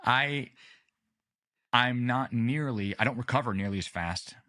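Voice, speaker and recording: A man in his late thirties, a podcast guest telling stories in a relaxed, unhurried way with many restarts. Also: medium pitch. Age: late 30s. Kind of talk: casual storytelling interview.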